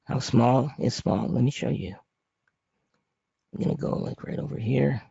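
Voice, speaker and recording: A man with a raspy, papery, hoarse voice presenting an informal slide lesson as an instructor, plain-spoken and conversational. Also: mid-range voice, unhurried, mellow, no room sound. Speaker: trading instructor presenting a webinar. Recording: dry, muffled lo-fi audio.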